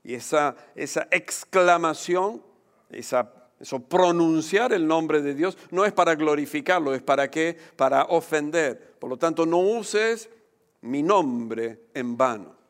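A man preaching a sermon as pastor, emphatic, slowing down to stress key phrases. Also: a little high, animated. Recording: long hall reverb.

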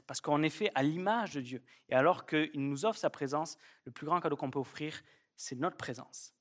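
A man's voice: fairly high pitch, fairly bright tone. A man preaching a sermon at a church service, emphatic and fond of repeating key phrases. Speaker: pastor.

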